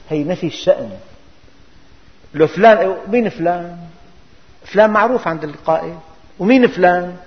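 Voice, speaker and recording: A man giving a religious lesson, emphatic and full of rhetorical questions. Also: on the high side. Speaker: preacher. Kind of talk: religious lesson explaining scripture. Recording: dull recording, long hall reverb.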